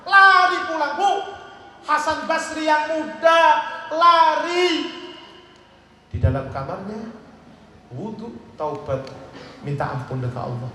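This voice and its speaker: A male preacher telling a comic sermon to a crowd, animated and speaking directly to the audience. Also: high voice, unhurried, long pauses, a little hiss or hum. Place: large public gathering hall or outdoors. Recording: echoey loudspeaker sound from far off.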